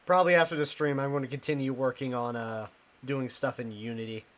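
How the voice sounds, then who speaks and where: A man's voice: mid-range voice, steady tone. A young man streaming a ghost-hunting game live, chatting casually with his viewers and laughing easily. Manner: chatty, talks to chat, quick laughs.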